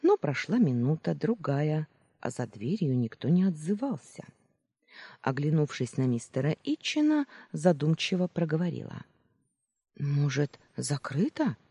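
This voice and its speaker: An audiobook narrator reading a first-person story with expressive delivery. The voice moves up and down a lot and has a dark, husky tone. The recording is dry and close with no room sound. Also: medium pitch, normal speed, dry recording.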